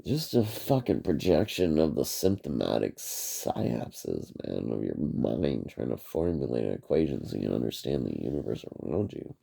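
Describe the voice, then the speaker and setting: A man's voice: extremely low pitch, sing-song, normal speed, vocal fry, few pauses, dark tone, husky. A man giving a rambling, profane solo vlog monologue, trailing off on tangents and tagging "man" onto his sentences. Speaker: vlogger.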